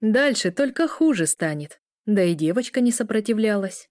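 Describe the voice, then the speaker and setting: A woman's voice: medium pitch, expressive, moderate pace, a little mellow, no echo, clean studio sound, close to an everyday voice. A woman voicing a playful young man who teases the others with laughing jabs. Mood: teasing.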